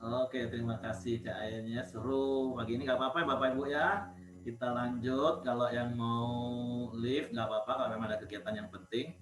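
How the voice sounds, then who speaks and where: A man hosting an online devotional session, moderating in a friendly, relaxed way. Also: mid-range voice, moderate pace. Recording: echoey room with faint background noise.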